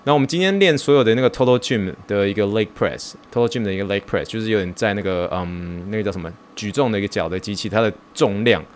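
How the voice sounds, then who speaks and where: A man hosting a podcast, talking in a casual, excitable and self-mocking way, mixing in English words. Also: on the low side, quick pace, hardly any pauses, slight background noise. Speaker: podcast host.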